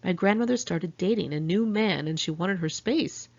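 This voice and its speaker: Narrating her memoir as an audiobook, this Californian author in middle age tells her story candidly, dropping wry, sardonic remarks. She speaks at a normal speed in a lowish, gravelly, darkish voice on a lo-fi recording.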